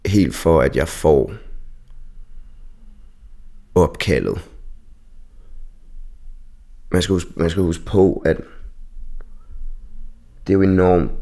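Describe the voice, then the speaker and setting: A man recalling a painful event, halting and often repeating and restarting his phrases. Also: low-pitched, warm tone. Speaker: interviewee, bereaved brother. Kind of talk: emotional recollection.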